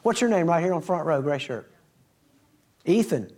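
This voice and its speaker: A middle-aged preacher tells folksy stories in a sermon to his congregation, acting out the dialogue. His voice is a little high, animated and a little mellow, at a moderate pace.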